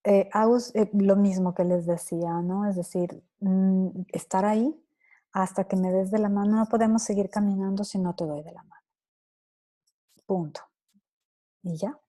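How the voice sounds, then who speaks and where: A woman's voice: medium pitch, moderate pace. A woman in her thirties answering parenting questions at a conference, chatting casually and acting out little dialogues with children. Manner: laughs easily, lively quoting. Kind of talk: conference Q&A talk.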